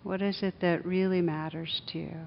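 In a room with a live group, a female meditation teacher talks in a fairly low voice. Her guidance is calm, soothing and measured, delivered in short phrases broken by pauses, and the dull lo-fi audio carries a clear background rumble.

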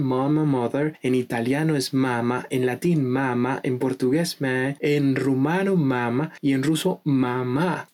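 A man hosting an educational history podcast, reading a scripted segment in a measured, explanatory tone. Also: medium pitch, a little mellow. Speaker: podcast host.

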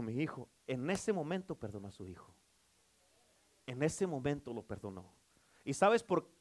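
A male pastor preaching a fervent sermon, asking rhetorical questions and calling for amens. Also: on the high side. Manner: fervent, with repeated calls for amen and rhetorical questions.

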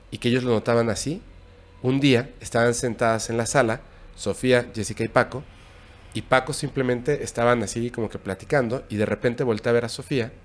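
Un hombre con acento mexicano narra con calma una historia de terror en una charla informal, con pausas y tono bajo. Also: male voice, medium pitch. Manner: recounting a scary story, hushed and halting. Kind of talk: casual storytelling.

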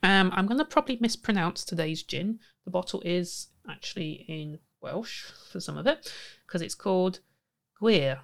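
A woman's voice: lowish voice, moderate pace, creaky. Chatty young woman hosting a podcast. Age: 20s. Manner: chatty and rambling, giggles, self-correcting. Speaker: podcast host. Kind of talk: casual chat.

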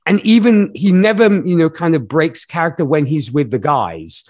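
A man on a casual film podcast who rambles through his thoughts with lots of fillers. His voice sits a little high for a man, and it rises and jumps often as he gets excited and laughs. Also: normal speed. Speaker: podcast co-host. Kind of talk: casual movie review chat.

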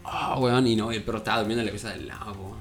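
A young man with a Chilean Spanish accent, co-hosting a casual podcast and telling animated, slangy stories, often laughing. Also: lowish voice, racing, over music. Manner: animated storytelling, slangy, laughing often, acts out his own past lines. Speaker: podcast co-host. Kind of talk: casual chat.

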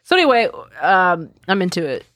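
A woman's voice: on the low side, brisk, dry recording, clean studio sound. A woman co-hosting a podcast, chatting casually, swearing freely and reading aloud with dramatic flair. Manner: animated, swearing, giggly, reads aloud dramatically. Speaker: podcast co-host. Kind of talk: casual chat.

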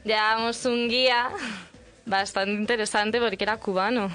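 A woman chatting on a radio show, telling a travel mishap in a lively way with many fillers. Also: a little high, moderate pace. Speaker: guest storyteller. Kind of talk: casual radio chat. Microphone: radio studio mic.

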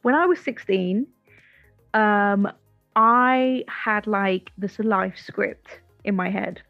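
A woman's voice: medium pitch, slow, no echo, dull audio, soft background music. A woman in her twenties co-hosting a podcast in casual chat, swearing freely and filling her talk with "like". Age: 20s. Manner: chatty, swears freely, lots of "like" fillers. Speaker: podcast co-host.

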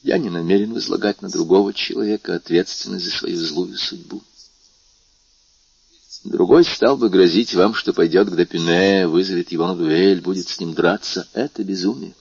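A man's voice: normal speed, gravelly, slightly rough, no room sound, heavily acted. A man reading a grave, resigned young lover. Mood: solemn. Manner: calm, solemn, low-voiced. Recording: dull lo-fi recording.

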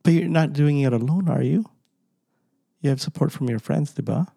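A man interviewing a guest, asking gentle, encouraging follow-up questions in English with some Tagalog. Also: on the high side, normal speed, vocal fry, husky, dry recording.

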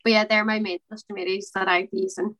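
A woman's voice: mid-range voice, level tone, fast, a bit bright. A woman in her twenties with an Irish accent, answering informally and earnestly as a student election candidate, often repeating points for emphasis.

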